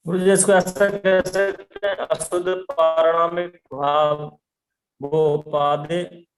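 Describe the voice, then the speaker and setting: A man's voice: fairly high pitch, level tone. Man on a breaking-up call. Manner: halting, respectful. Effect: call audio cutting out. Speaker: student asking the teacher a question. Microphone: remote call. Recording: distant call line with faint music behind.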